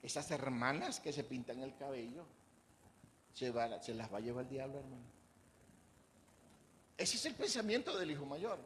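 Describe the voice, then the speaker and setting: A man's voice: mid-range voice, lively intonation, moderate pace, long pauses, a bit bright, slight background noise. A male pastor preaching a sermon in a church, talking conversationally and asking the congregation questions. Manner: preaches conversationally, asks the congregation questions, acts out quoted voices.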